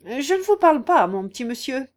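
A woman's voice: high-pitched, sing-song, fairly quick, voice pushed up. A woman reading aloud, voicing an insolent, coldly defiant male peasant with a mocking manner.

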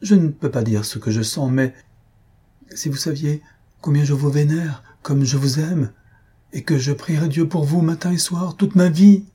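A man's voice: mid-range voice, lively intonation, brisk, few pauses, mellow, breathy edge. Man voicing a timid, anxious young woman. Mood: fervent. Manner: pleading, emotional.

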